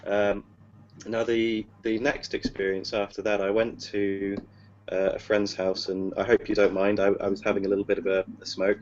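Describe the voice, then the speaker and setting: A man's voice: lowish voice, monotone, moderate pace. A man telling a story casually, hesitant and full of fillers. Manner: rambling, hesitant, many fillers and restarts. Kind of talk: casual storytelling on a video call. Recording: dull lo-fi call audio with faint hum.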